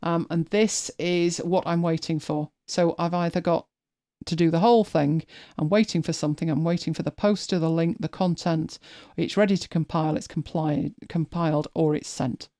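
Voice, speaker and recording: A woman's voice: low-pitched, steady tone, normal speed, hardly any pauses, mellow, dry recording, clean studio sound. A woman hosting a live stream, chatting casually as she walks viewers through her screen, thinking aloud and often restarting her sentences. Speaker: host.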